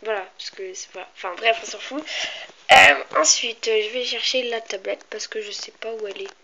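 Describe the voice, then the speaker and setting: A woman's voice: on the high side, moderate pace, sharp tone. A young woman with a slightly sick, cracking voice chats casually and hesitantly as she shows things, rambling and interrupting herself. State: slightly sick, clearing throat and coughing. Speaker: amateur video maker presenting handmade doll furniture. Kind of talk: casual show-and-tell chat. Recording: dull lo-fi home recording, clear noise.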